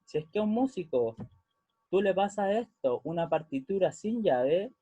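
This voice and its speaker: A man's voice: sits high, big pitch swings, normal speed, dark tone, slight background noise. A man explaining music theory patiently in a lesson, often checking that the listeners follow. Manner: patient, checks understanding with frequent "¿ya?". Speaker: music teacher.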